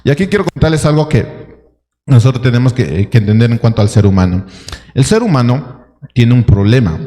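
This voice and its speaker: A man's voice: medium pitch, expressive, fairly quick, warm tone. A man preaching a sermon as pastor, dramatizing a story and throwing rhetorical questions at his congregation. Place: church hall. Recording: long church hall reverb.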